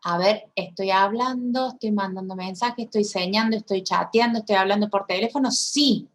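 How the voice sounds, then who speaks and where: Halting woman interpreter. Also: mid-range voice. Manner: halting, with restarts and frequent "¿sí?" checks. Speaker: sign language voice interpreter.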